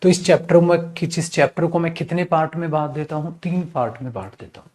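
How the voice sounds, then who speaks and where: A male teacher giving a live online class. He speaks in a lively way, asks and answers his own questions, calls his students "beta", and slows down to spell out English example sentences. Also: a little high.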